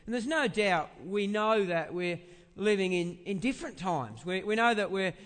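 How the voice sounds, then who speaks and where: With a high-pitched, expressive and slightly bright voice, a big-voiced pastor gives a conversational sermon. He asks rhetorical questions and stresses ideas by haltingly repeating phrases, his words ringing through a large indoor church.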